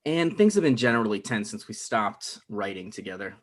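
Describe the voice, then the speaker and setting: Irritated and sing-song, a lowish voice delivers the part of a man in his thirties who is anxious and resentful. It's a naturalistic comedy table read, and the actor's delivery is defensive and halting.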